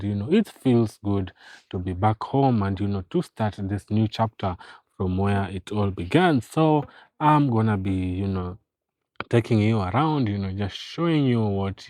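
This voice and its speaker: A man's voice: lowish voice, a little mellow, no echo. Earnest Kenyan man vlogging on a phone. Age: 20s. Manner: earnest, says "you know" constantly. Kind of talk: casual vlog to camera.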